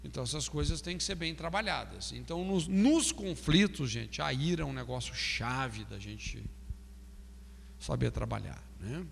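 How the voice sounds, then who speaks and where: A man's voice: medium pitch, lively intonation, normal speed, creaky, big-room sound, a little hiss or hum. A Brazilian man teaching a pastoral counseling class, asking "não é?" often and acting out example phrases. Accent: Brazilian Portuguese. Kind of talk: classroom lecture.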